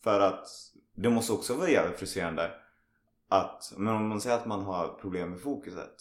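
A man hosting a podcast in casual conversation, telling stories animatedly and acting out what others say. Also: on the low side. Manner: animated storytelling, acts out others' remarks. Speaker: podcast host. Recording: roomy echo.

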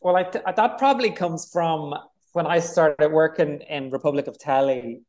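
A man's voice: on the high side, normal speed. A man with a Dublin accent, a film director talking casually in an interview, rambling with lots of fillers. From Ireland. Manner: rambling, relaxed, many fillers.

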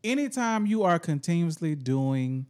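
A man's voice: fairly high pitch, big pitch swings, a little slow, a little mellow. A man co-hosting a casual podcast, teasing his friend and musing on life. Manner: teasing, playful, philosophizing. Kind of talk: casual chat.

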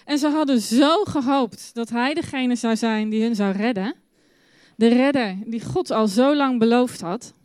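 A woman telling a Bible story to children in church, with a lively, expressive storytelling manner. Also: high voice, clean tone, no room sound.

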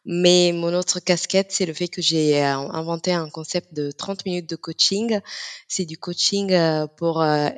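A woman's voice: on the low side, fairly even intonation, measured pace. Young woman. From Italy. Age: 20s. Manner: articulate, explanatory, with frequent fillers. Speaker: guest, strategy consultant and coach. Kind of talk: casual podcast conversation.

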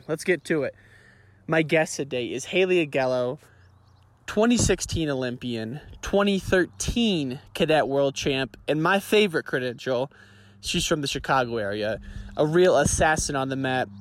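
A man delivers a brisk, upbeat podcast intro, his voice sitting a little high. It is recorded on a phone, so the audio is low quality, and the sound is dry and close. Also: expressive, no echo. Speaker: podcast host.

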